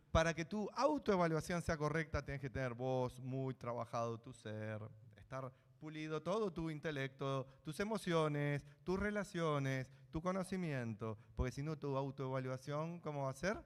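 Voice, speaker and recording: A rabbi with a Rioplatense Spanish accent teaching Kabbalah in a spoken lecture, asking the listeners questions and then answering them himself. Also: male voice, mid-range voice, in a large hall.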